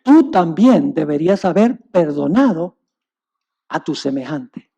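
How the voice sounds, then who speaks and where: A preacher voicing a powerful master in a parable who speaks gravely to his servant. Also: on the high side, big pitch swings, measured pace, warm tone, dull audio, voice pushed down, full character voice. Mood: stern.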